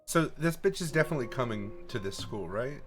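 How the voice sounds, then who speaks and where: A man's voice: medium pitch, lively intonation, fairly quick. A man hosting a let's play, reading game text aloud and adding wry, irreverent, sometimes profane asides. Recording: clear game music behind voice.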